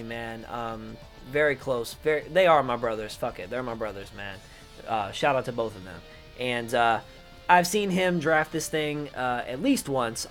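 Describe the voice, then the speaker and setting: A young man casually rambling through his picks for an online league, swearing offhand and filling gaps with "um" and "uh". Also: medium pitch. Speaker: YouTuber talking through his league draft. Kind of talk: casual unscripted commentary to camera.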